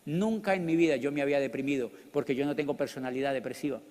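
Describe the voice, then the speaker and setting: A middle-aged man with a Colombian accent, a motivational speaker telling his story in an animated, joking way with loud outbursts. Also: mid-range voice, fast talker. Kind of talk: storytelling business talk. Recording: long hall reverb.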